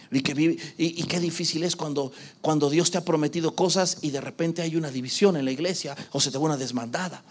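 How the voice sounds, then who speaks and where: A pastor preaching a sermon, swinging from hushed near-whispers to shouting and acting out the voices of the people he quotes. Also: fairly high pitch.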